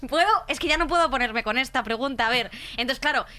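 A woman hosting a casual podcast, animated and jokey, using crude slang. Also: high-pitched, fast talker, a little hiss or hum. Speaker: podcast host.

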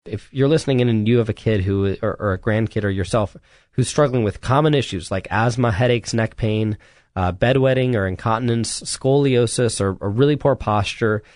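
A man's voice: fairly low pitch, moderate pace, darkish tone, dry recording, studio quality. A man, a chiropractor, hosting a solo radio health talk, speaking earnestly and urgently, often restarting his sentences and adding "you know".

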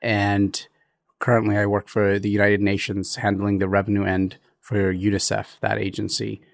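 Gravelly-voiced man from Ethiopia. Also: lowish voice, completely flat delivery. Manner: reflective, earnest, with frequent pauses and restarts. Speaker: guest. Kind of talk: conversational interview.

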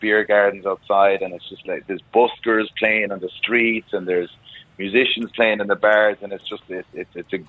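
A man with a western Irish accent talks in a casual, rambling interview style, often repeating phrases as he goes. His voice sits fairly low and comes through a narrow, phone-like line with little room sound. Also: fairly even intonation, normal speed, no room sound. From Galway, Ireland. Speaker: wedding singer and musician guest.

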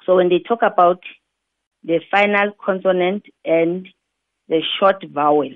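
Woman teacher, patient and methodical, who spells out examples slowly. Lo-fi phone-like sound, dry and close. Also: fairly low pitch, no echo. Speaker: English teacher. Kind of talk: explaining grammar rules to learners. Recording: tinny phone-like dry recording.

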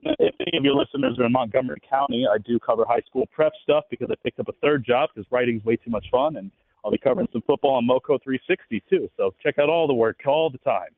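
Tinny phone line, man, rapid talker, casual sports writer guest. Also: mid-range voice, expressive, no room sound. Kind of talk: casual radio interview. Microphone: phone call into radio show.

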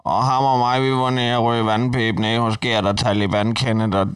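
A man's voice: mid-range voice, little pitch movement, smooth, close to an everyday voice. A man playing a hesitant grown son who keeps trying to get a word in. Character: hesitant adult son trying to break bad news.

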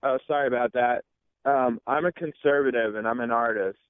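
A man's voice: medium pitch, fairly quick, clear, resonant tone, no room sound. A man calling into a radio talk show, speaking hesitantly with many fillers over a crackly cordless phone line that keeps cutting in and out.

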